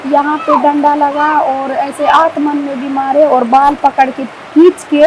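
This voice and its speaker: A young widow quietly recounting a killing she witnessed, speaking softly and haltingly and repeating herself. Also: high-pitched, flat delivery, very noisy. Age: young adult. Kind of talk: tearful eyewitness account.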